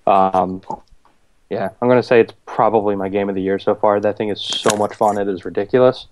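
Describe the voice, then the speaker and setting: This is a man with a somewhat low voice co-hosting a relaxed podcast over a video call. He rambles along in an easygoing way and fills his pauses with "um" and "like.". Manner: easygoing, rambling with many fillers. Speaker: podcast co-host.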